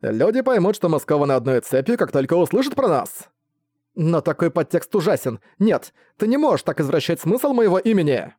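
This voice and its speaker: A man's voice: fairly high pitch, very animated, a little fast, mellow, dry recording, pitched above the performer's own voice. Angry young superheroine w/ a dirty mouth, read by a guy, dry close mic. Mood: outraged. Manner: blunt, irritated, swearing. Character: hot-tempered young woman superhero.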